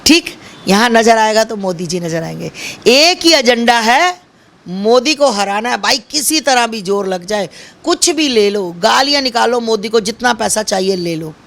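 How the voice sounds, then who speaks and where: Fiery woman with a gravelly voice. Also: fairly high pitch, lively intonation, normal speed, fairly bright tone. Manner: fiery, emphatic, repetitive slogans. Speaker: interviewee. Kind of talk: impassioned street interview.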